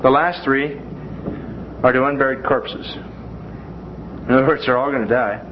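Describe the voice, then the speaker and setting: The Bible teacher here is a man with a mid-range, steady voice and a moderate pace, leading his classroom lesson folksily with joking asides. His words come through a dull, lo-fi recording over faint hiss.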